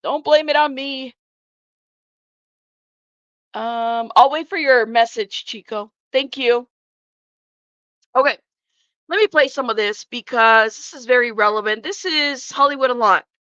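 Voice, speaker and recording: A woman with a congested, stuffed-up nose talks to her livestream viewers a little slowly, leaving long pauses. Her fairly high voice is a bit bright, and the recording is muffled with no room sound. She's informal and blunt, swears freely, and addresses chat directly in her live commentary.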